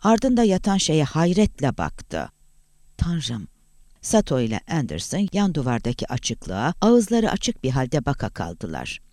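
Man, audiobook narration, dramatic, highly animated pitch, dry studio sound. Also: moderate pace, hardly any pauses, no room sound. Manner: dramatic, expressive reading. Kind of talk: scripted narration.

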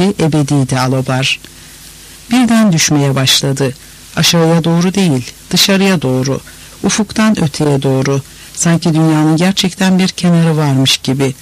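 Slightly high-voiced male audiobook narrator. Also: poor audio. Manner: measured, expressive storytelling.

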